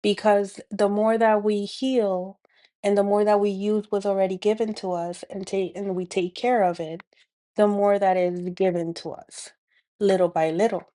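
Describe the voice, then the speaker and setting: Speaking earnestly to camera in a reflective monologue, a Dominican woman hosts a spiritual healing talk in a Dominican Spanish accent, with many fillers and restarts. Her medium-pitched voice is warm, delivered flatly at a moderate pace.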